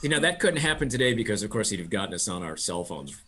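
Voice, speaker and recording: A man's voice: fairly low pitch, big pitch swings, quick pace, a crowd in the background. A man thoughtfully recalling the last days of a television production in an interview. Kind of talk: interview reminiscence.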